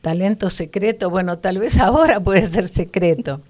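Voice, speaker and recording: A woman's voice: mid-range voice, normal speed. A middle-aged woman, telling a childhood story as an interview guest and acting out the voices in it. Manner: animated storyteller, voices her childhood self and sister. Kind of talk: personal testimony in casual interview.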